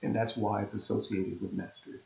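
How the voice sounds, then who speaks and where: A man's voice: on the low side, flat delivery, a little fast, creaky. Chatty man in an echoey room. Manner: chatty, explanatory, laughs easily. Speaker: astrology co-host. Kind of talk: explaining charts in casual chat. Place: warm indoor room.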